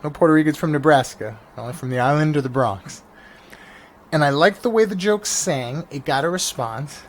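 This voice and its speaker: Recorded on a janky mic with faint engine noise behind him, a stand-up comedian from New York rambles loosely on his own vlog podcast, full of restarts and fillers. His voice is on the high side at a normal speed.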